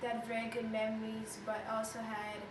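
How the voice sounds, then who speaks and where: Soft-spoken young woman, echoey and distant. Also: a little high, completely flat delivery, a little fast. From Tanzania. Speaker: interviewee. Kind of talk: casual interview answers. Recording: echoey room, distant mic, noisy.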